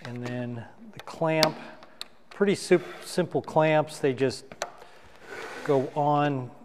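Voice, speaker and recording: A middle-aged man demonstrating how to assemble lighting gear at a table in a dark studio, talking as he works. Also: on the high side, long reverb tail, a little hiss or hum. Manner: unhurried, talks while assembling gear. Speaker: photographer reviewing gear. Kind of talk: hands-on gear demo. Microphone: wireless lapel mic.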